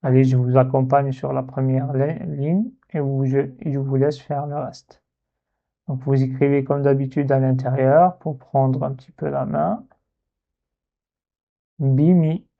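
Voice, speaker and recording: Male teacher walking thru an exercise, calm medium voice, repeats words slow for you to copy. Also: medium pitch, gravelly, narrow, tinny audio. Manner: slow, patient, repeats words to model pronunciation. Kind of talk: step-by-step lesson narration.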